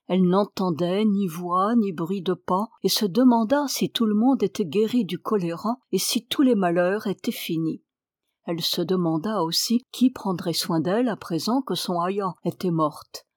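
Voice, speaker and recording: A woman narrating a children's novel in a measured, expressive reading voice. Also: fairly low pitch, no room sound. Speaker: audiobook reader.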